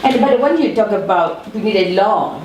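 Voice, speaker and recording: A woman from Burma, asking a halting question at a workshop, repeating words as she searches for phrasing. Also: mid-range voice, animated, a little mellow. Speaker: audience member asking a question. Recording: echoey room, mic far off, clear background noise.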